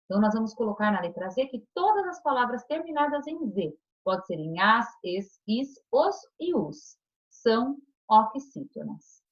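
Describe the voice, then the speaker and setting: A woman's voice: on the high side, very animated, moderate pace. A woman teaching a recorded online class to young children, patient and coaxing, checking in often with short questions. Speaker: primary school teacher. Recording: dull lo-fi recording.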